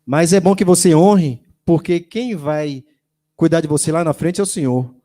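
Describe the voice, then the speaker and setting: A man delivers a church sermon in a relaxed, conversational manner. His voice sits a little high yet sounds soft and warm. He keeps asking the congregation questions and slips into the voices of the people he quotes. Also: normal speed. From Brazil. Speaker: lay preacher.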